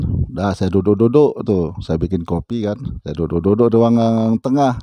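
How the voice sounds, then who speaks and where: Man telling a story in a dark, dry voice. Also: mid-range voice, dry recording. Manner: conversational, with frequent asides to the listener. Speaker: storyteller recounting a personal experience. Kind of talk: casual spoken storytelling.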